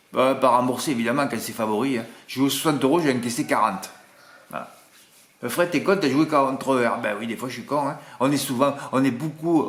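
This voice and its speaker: Man, Marseille accent, chatty self-mocking tipster, mid-pitched voice, echoey room. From southern France. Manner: chatty, self-mocking, frequent "hein" asides. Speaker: horse racing tipster. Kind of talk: casual monologue.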